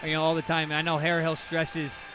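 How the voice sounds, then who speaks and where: A man doing play-by-play commentary on a hockey game, with rapid calls that surge loud on goals. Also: a little high, completely flat delivery, noisy background. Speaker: play-by-play announcer.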